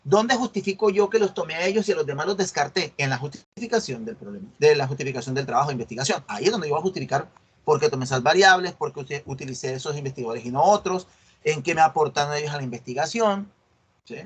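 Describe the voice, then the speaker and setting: A man's voice: fairly high pitch, animated, fast, husky. A middle-aged man, giving an online university class. He acts out dialogues with students and keeps checking that they follow. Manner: explains by acting out student dialogues, checks understanding often. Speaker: university lecturer. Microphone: video call.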